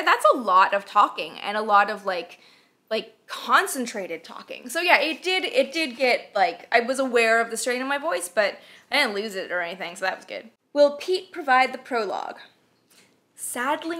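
A woman's voice: on the high side, pushed and bright. A young woman with a Canadian accent chatting casually as a vlog host, answering viewer questions with lots of fillers. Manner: chatty, uses many fillers. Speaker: YouTube host and author.

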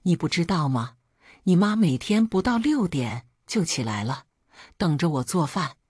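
A woman's voice: lowish voice, very animated, normal speed, a little mellow, husky, no echo, studio quality. A woman voicing a tired, put-upon older mother who speaks plainly and resentfully. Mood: bitter.

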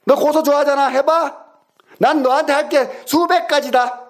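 A man's voice: extremely high pitch, fairly even intonation, moderate pace. A middle-aged man in a heated phone argument with his younger brother, hurling insults and taunting questions. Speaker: older brother.

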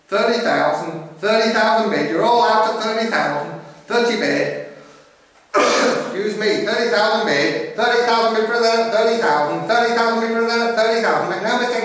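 Standing at a lectern indoors, a middle-aged auctioneer with a high, slightly bright voice rattles off a fast, repetitive bid chant at a live property sale. The mic sits far away, and the room echoes heavily.

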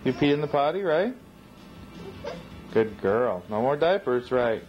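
A man's voice: medium pitch, very animated, unhurried. A man filming his family, asking a toddler playful, coaxing questions in casual chat, heard through a camcorder mic. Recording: muffled noisy 1990s camcorder audio.

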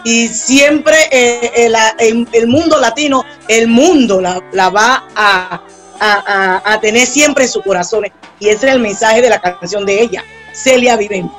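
Strong-voiced Peruvian woman, bright tone. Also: a little high, unhurried, faint music behind. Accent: Peruvian, from Lima. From Peru. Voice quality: strong, powerful voice. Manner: chatty, with frequent restarts and fillers. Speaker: salsa singer, guest. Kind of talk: casual interview chat.

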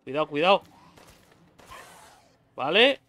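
Animated young man with a Spain Spanish accent. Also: a little high, slow. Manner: swears freely, yelps in fright. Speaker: gaming YouTuber. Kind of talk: let's play commentary.

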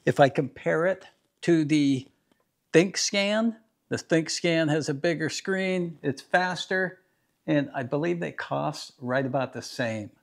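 A DIY mechanic in his fifties who hosts a garage channel gives a casual product demo of scan tools in his home garage, explaining things in a plain, practical, unhurried way. His voice runs on the high side, with vocal fry.

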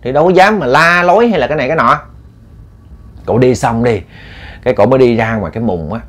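A man's voice: mid-range voice, animated, quick pace, fairly bright tone. A man narrating a ghost story in a colloquial, meandering way, often repeating words.

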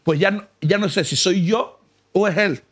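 A man's voice: high voice, moderate pace. A man telling boastful, mock-humble comic stories in a casual chat, laughing often. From Canary Islands. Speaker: comedian guest. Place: car.

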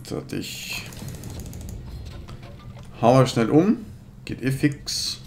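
A man's voice: mid-range voice, lively intonation, extremely slow, creaky, a little mellow, a little hiss or hum. A man in his thirties commenting casually on a game in slangy, laid-back talk, slightly slurred by new braces. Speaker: let's player.

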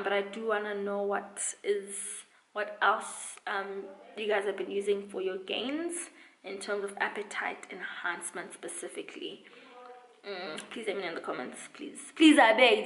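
Indoors in a small room at home, a twenty-something dancer and dance instructor vlogs casually to camera, her mid-range voice a bit bright against a roomy echo. She keeps things playful and emphatic, repeating words to stress them.

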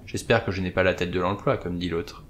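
A man voicing a gruff, wary middle-aged detective who mutters low to himself in an audiobook. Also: steady tone, a little fast, fairly bright tone, slight background noise. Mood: muttering.

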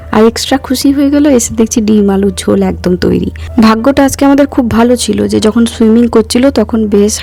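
Hoarse, gravelly woman vlogger. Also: on the high side, mellow. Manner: chatty, walks viewers through each step. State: hoarse from a cough. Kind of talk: casual vlog narration.

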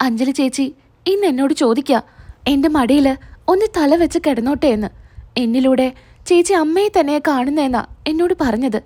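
A woman reading the lines of a gentle, caring young woman who softly pleads with her sister-in-law, in a high voice close to her own. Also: lively intonation, fairly quick. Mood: tearful.

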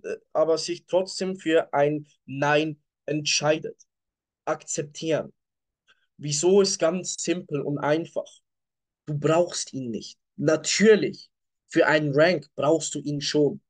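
Brief: male sales coach, high voice, blunt and direct, live Q&A over a call mic. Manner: blunt, reads questions from chat, repeats catchphrases.

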